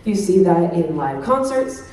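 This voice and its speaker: A woman's voice: fairly low pitch, big pitch swings, measured pace, warm tone. A woman in her twenties giving a playful, teasing workshop talk as a convention guest and calling the audience babes. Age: 20s. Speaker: cosplay guest and workshop presenter. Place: convention panel room. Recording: very echoey room, speaker far from the mic.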